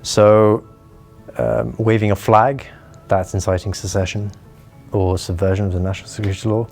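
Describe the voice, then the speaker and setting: A man's voice: fairly low pitch, steady tone, normal speed, darkish tone, faint music behind. A man from Hong Kong, interviewed with his voice disguised, explaining things earnestly with frequent restarts. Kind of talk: explaining, measured interview talk.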